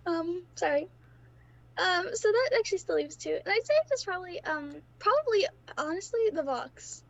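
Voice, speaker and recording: A woman's voice: very high-pitched, expressive, moderate pace, creaky, muffled recording. A woman who is sick with a cough, chatting casually as a player on a tabletop show. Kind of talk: casual chat.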